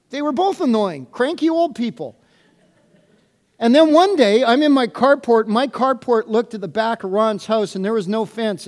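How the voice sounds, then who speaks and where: A middle-aged man, a pastor, preaching a sermon and telling a personal story, acting out the dialogue with lively delivery. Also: very high-pitched.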